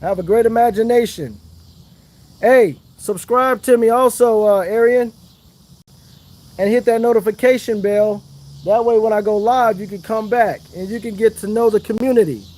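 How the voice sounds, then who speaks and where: A man's voice: high voice, normal speed, a little mellow. A man chatting casually on a fishing livestream outdoors, hyping up his viewers. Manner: chatty, hypes up viewers, Southern slang. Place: outdoors by the water.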